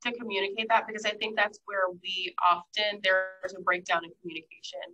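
A woman's voice: mid-range voice, flat delivery, brisk, bright, forceful tone, highs cut off. A woman hosting a podcast, speaking in a reflective, affirming way as she responds to her guest. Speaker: podcast host. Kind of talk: casual podcast conversation.

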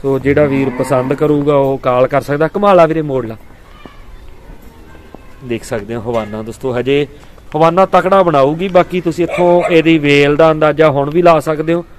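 A man hosts a dairy farming video outdoors. His voice sits a little high, and he talks casually and warmly to viewers he calls brothers and friends. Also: moderate pace, slight background noise. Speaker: dairy farming vlog host. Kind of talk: casual livestock sale walkthrough. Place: outdoors on a farm.

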